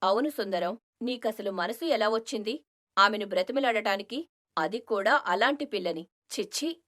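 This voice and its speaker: A woman voicing a stern, loyal male alien in an animated story, in a put-on deep voice, earnest and scolding. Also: moderate pace, natural voice. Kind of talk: storybook cartoon voice acting.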